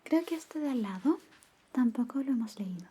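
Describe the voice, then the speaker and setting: Woman acting breathy girlfriend in ASMR role-play. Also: a little high, lively intonation. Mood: playful, affectionate. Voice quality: breathy, soft-spoken. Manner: soft, intimate, slow storytelling. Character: caring, teasing girlfriend reading bedtime stories.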